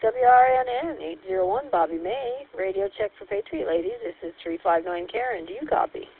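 A woman's voice: fairly high pitch, very animated, slightly rough. Woman calling a radio net over walkie-talkie. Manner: friendly, measured, with hesitant fillers. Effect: heard over a two-way radio. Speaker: net control host. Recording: tinny two-way radio with faint static.

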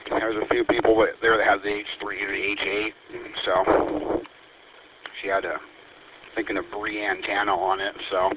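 Low, monotone male radio operator, matter-of-fact, tinny radio with faint hiss. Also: normal speed. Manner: flat, matter-of-fact, talking while eating. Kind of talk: casual radio chat.

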